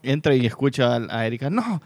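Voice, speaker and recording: A man's voice: medium pitch, a little fast, no echo. Dry-sounding Honduran man telling a story. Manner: animated, acts out quotes. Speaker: podcast co-host. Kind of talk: casual storytelling.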